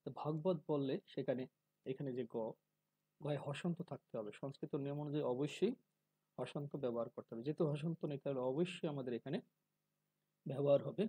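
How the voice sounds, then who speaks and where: Male teacher, measured delivery, mellow and slightly husky, dry recording. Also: medium pitch, no echo, rough recording. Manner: slow, deliberate, drawing out syllables when demonstrating. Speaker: teacher of Sanskrit pronunciation. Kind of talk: calm spoken lesson.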